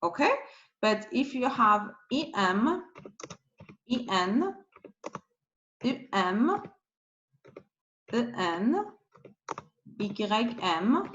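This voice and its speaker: A woman teaching pronunciation slowly, repeating each word and spelling out letters. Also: on the high side, sing-song, a bit bright, highs cut off, slight background noise. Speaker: French teacher. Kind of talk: slow pronunciation lesson.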